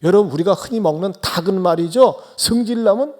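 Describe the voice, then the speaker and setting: A man's voice: high voice, brisk, a little mellow. A male pastor preaching a sermon, putting rhetorical questions to his congregation.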